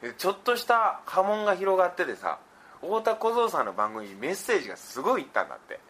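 A man hosting a relaxed radio talk show, reading listener messages aloud and laughing often. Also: high-pitched, fast, slightly rough. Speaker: radio personality. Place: radio studio.

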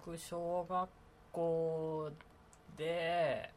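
A man in his thirties, co-hosting a radio show with quiet, laid-back reactions from a little off the mic. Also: fairly high pitch, level tone, very slow. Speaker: radio co-host. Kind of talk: casual radio chat.

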